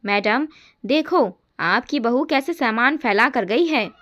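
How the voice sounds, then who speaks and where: A woman's voice: fairly high pitch, lively intonation, slow, a bit bright, muffled recording. A woman voicing a nosy, gossipy housemaid who complains. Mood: complaining. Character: nosy long-serving housemaid.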